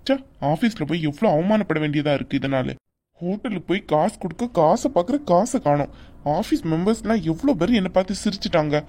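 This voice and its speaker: A woman's voice: on the low side, animated, brisk, mellow. A woman voicing a hot-tempered young man in a cartoon, scolding his family with indignant outbursts. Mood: angry. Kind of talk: animated cartoon voice acting.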